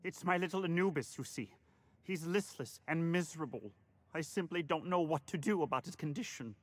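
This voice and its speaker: A man's voice: on the high side, a little fast, lightly acted. A man playing a fussy, posh pet owner. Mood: fretful. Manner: prim, fretful, posh. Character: fussy, pampering upper-class man fretting over his pet.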